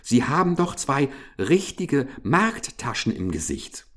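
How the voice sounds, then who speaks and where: A man voicing a clever little female field mouse who pleads and whines in a high, plaintive voice. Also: very animated, slow, fairly bright tone, heavily acted. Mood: pleading. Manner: whining, pleading, sighing.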